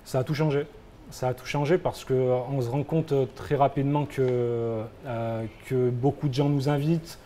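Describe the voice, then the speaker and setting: Speaking at a moderate pace in a warm, mid-range voice with fairly even intonation, a young Frenchman who founded a football agency responds to interview questions as a guest. He's hesitant, restarting often and leaning on fillers, and a little hiss or hum is audible.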